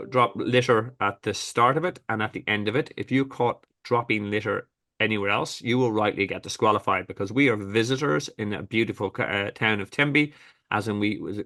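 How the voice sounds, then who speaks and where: A man's voice: lowish voice, pushed and bright. A man hosting as a triathlon coach, upbeat and chatty in conversation. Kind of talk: conversational talk.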